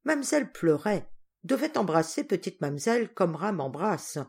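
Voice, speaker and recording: A woman voicing a devoted adult male servant who talks in slow, clipped, broken French. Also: lowish voice, very animated, vocal fry, a little mellow, slightly rough, exaggerated voice. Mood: disapproving.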